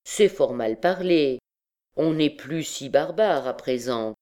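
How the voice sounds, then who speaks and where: A woman's voice: low-pitched, expressive, slow pace, warm tone. Cocky young student played by a woman. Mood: teasing. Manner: teasing, haughty. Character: cocky young male student, mocking and nonchalant.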